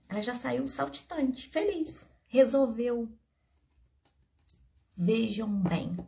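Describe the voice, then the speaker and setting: A woman's voice: a little high, gravelly, mellow, slight background noise. A middle-aged woman therapist with a Brazilian Portuguese accent, talking casually to camera and telling an earnest personal story as she advises parents. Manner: earnest, storytelling, addresses viewers directly. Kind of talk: casual advice talk to camera.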